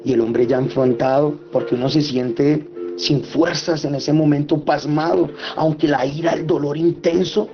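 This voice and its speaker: A man tells an emotional personal testimony in an impassioned way. His voice sits fairly high for a man. The recording is slightly muffled, and soft music plays underneath. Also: fairly even intonation, normal speed. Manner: impassioned, voice climbing high when reliving the quarrels. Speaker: church testimony speaker.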